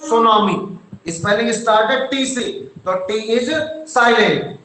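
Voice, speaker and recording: During an online class, a male teacher speaks very slowly in a strikingly high, slightly bright voice, patiently spelling each word letter by letter as if dictating and calling students "beta." The bare room echoes, with slight background noise.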